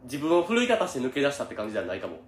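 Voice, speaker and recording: A man's voice: medium pitch, wildly swooping pitch, racing. A man with a Kansai accent chatting casually as a co-host giving advice, blunt and emphatic, often repeating his agreement. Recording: echoey room, noisy background with clicks.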